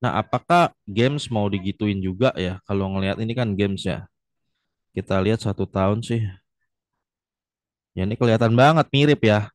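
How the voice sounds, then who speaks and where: A man's voice: fairly low pitch, moderate pace, long pauses, no room sound. A young man giving casual stock market commentary, blunt and chummy, lecturing the viewer like a friend.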